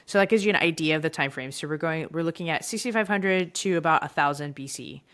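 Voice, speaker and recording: A woman's voice: low voice, fast talker, a bit bright. A woman co-hosting a history podcast, explaining in a loose, chatty way with fillers and frequent laughs. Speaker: podcast co-host. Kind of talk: casual history podcast chat. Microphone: headphones and remote recording setup.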